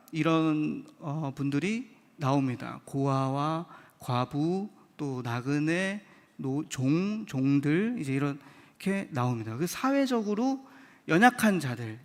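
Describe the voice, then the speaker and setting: A man's voice: a little high, slow. A man preaching a Wednesday evening church sermon in a conversational way, asking the congregation questions and acting out short quoted lines. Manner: acts out short quoted lines in lively voices. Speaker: licensed preacher. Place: church sanctuary. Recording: long hall reverb.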